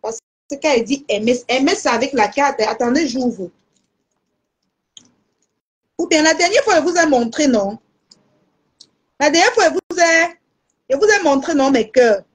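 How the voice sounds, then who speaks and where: A young Cameroonian woman with a Cameroonian French accent, selling goods on a live stream and chatting warmly to her viewers. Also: sits high, measured pace, long pauses. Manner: lively, addresses viewers as aunties. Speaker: live seller. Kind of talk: casual live-stream sales chat.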